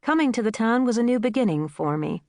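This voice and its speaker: A woman reading a first-person story aloud as an audiobook narrator, giving the dialogue a lively, playful turn. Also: a little high, quick pace, dry recording, clean studio sound.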